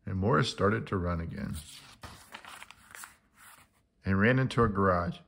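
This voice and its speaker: A man reading a children's storybook aloud in an animated, expressive way. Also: sits low, measured pace, vocal fry, slight background noise.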